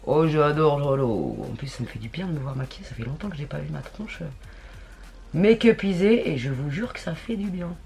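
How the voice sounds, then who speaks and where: A woman's voice: low voice, lively intonation, moderate pace, darkish tone, soft background music. A woman chatting casually through a makeup tutorial, slangy and talking to herself as she works. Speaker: beauty vlogger.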